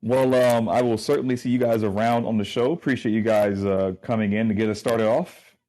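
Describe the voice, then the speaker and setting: A man's voice: on the low side, steady tone, brisk, warm tone. Easygoing man hosting a sports debate. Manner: easygoing, filler-heavy moderator. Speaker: debate show host.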